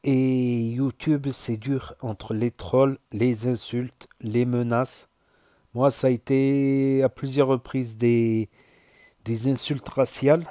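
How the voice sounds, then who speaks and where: A man with a southern French accent, a YouTuber talking casually to his viewers in a halting way, often repeating himself and using fillers. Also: mid-range voice, steady tone, warm tone, no echo, clean studio sound. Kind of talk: casual spoken commentary.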